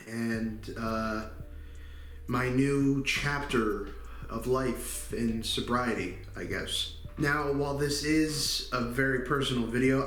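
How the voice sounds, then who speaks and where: A man in his twenties talking candidly in a personal vlog, halting often with fillers. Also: medium pitch, a bit bright. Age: 20s. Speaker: channel host. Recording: echoey room.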